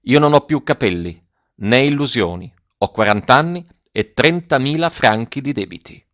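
A man's voice: fairly low pitch, animated, a little slow, a bit bright, no echo, highs cut off. A man reading the part of a cynical, bitter forty-year-old marquis, cold and detached.

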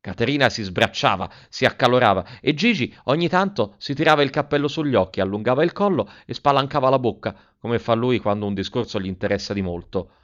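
A man reads a first-person story aloud in a fairly low voice, leaning expressively into the telling. The recording sounds dull and lo-fi, with the top end muffled. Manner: expressive, acting out quoted lines. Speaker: audiobook narrator.

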